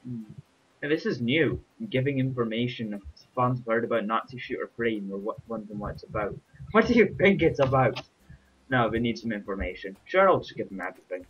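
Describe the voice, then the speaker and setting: A man's voice: medium pitch, expressive, fairly quick, husky. A young man chatting casually while playing a game, with wry banter. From Scotland. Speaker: gaming channel host. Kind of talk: casual gaming commentary. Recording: dull hissy home mic.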